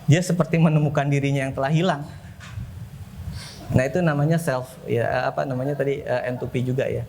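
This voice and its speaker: A man's voice: medium pitch, fairly even intonation, fairly quick, gravelly, a little mellow, a little hiss or hum. A man speaking at an educational seminar for parents in a school. His talk is conversational, and he acts out dialogues in a rising voice.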